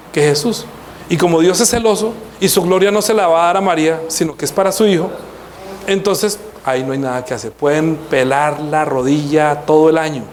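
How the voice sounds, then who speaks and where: A man's voice: fairly high pitch, slight background noise. A man preaching a sermon, talking straight to his listeners and firing questions at them. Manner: direct, questioning the congregation. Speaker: pastor.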